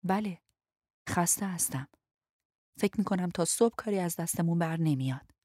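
A woman reading the lines of a tired, polite male ship security officer in an audiobook, calm, firm and courteous. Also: on the low side, dry recording, clean studio sound, close to an everyday voice. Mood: weary, patient.

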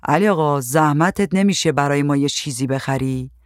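A man's voice: a little high, dry recording, natural voice. A man playing a wry, teasing husband. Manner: dry, teasing replies.

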